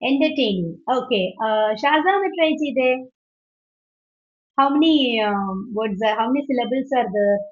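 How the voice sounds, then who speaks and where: A woman's voice: sits high, expressive, very slow, slight background noise. A woman teaching an online English grammar class, patient and questioning, often switching into English as she explains. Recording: dull lo-fi online call audio.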